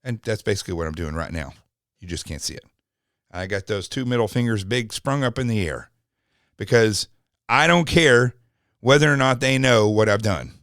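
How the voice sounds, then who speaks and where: A man's voice: lowish voice, animated, a little fast, a bit bright, no echo, studio quality. A man hosting a podcast, talking in an indignant, mocking, rambling way about a news clip. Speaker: podcast host. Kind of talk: opinionated commentary.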